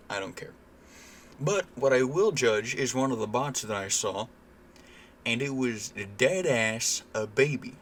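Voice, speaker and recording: A man's voice: medium pitch, fairly bright tone, slight background noise. A young man ranting casually and indignantly in a vlog, swearing freely and using lots of fillers. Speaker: vlogger.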